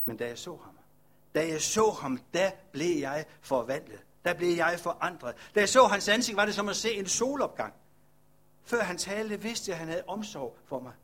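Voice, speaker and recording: A pastor playing a worn-out outcast leper farmer, humble, earnest, slightly high voice. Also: male voice, a bit bright. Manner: earnest first-person storytelling.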